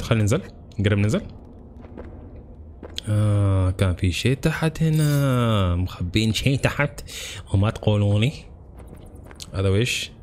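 A young man giving let's-play commentary, talking straight to his viewers and shouting and repeating himself in tense moments. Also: on the low side, slight background noise. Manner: excitable, talks to viewers as "brothers", yells and repeats himself under pressure. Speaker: gaming channel host. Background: game music.

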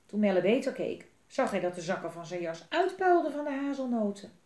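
A woman reading a children's book aloud in a lively, expressive way. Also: mid-range voice, brisk, reverberant. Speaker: storyteller.

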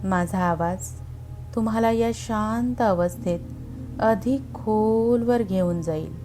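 A woman leads a guided meditation in a mellow, relaxed voice of middle pitch. She speaks very slowly and soothingly, leaving long, calm pauses between short phrases. Music plays behind her. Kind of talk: slow guided meditation narration. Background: background music.

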